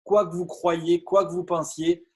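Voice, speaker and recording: A middle-aged man from France tells a story to an audience in a lively way, with stumbles, repeated words and many fillers. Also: sits high, measured pace, husky. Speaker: network marketing speaker. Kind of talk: animated storytelling talk to an audience.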